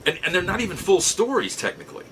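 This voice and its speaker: A middle-aged man hosting a show tells casual personal stories to camera, his high, slightly bright voice swinging hugely in pitch as he talks fast. He rambles in a folksy way and often rephrases himself, with slight background noise.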